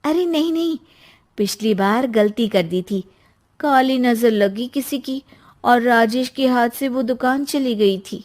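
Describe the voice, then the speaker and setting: A woman's voice: on the high side, unhurried, a little mellow, lightly acted. A woman voicing a cheerful, trusting young wife in a cartoon story. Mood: anxious.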